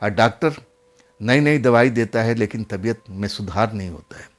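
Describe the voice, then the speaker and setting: A man's voice: fairly low pitch, normal speed. A man narrating a horror story in a casual, conversational way, often repeating his phrases.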